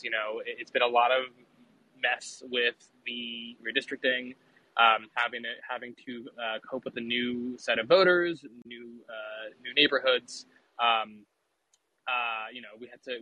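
A man's voice: mid-range voice, sharp tone, poor audio. A man speaking informally as a campaign volunteer being interviewed. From Queens, New York, US. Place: outdoors in a city park, remote call.

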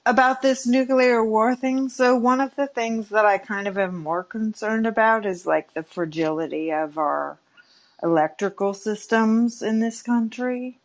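A woman calls in to a podcast with a question, asking it in a hesitant, rambling manner. Her voice is a little high and her pace unhurried.

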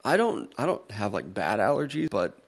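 Man, talk show co-host, creaky voice, casual banter, blunt, sweary storytelling. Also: fairly low pitch, big pitch swings, moderate pace.

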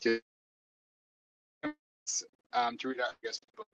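A man's voice: mid-range voice, monotone, fairly bright tone, no room sound. Man on a glitchy, breaking-up call. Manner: halting, with many fillers and restarts. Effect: choppy, breaking-up call audio that keeps dropping out. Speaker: host of a live audio chat room. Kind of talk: casual live chat. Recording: dull, lo-fi, dry call audio.

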